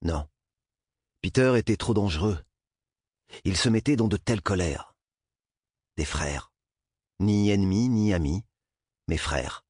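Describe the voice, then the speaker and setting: A man reading a novel aloud as narrator, with an expressive, dramatic delivery on a close studio mic. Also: low voice, measured pace, long pauses, breathy edge, no room sound. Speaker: audiobook narrator. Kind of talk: scripted narration.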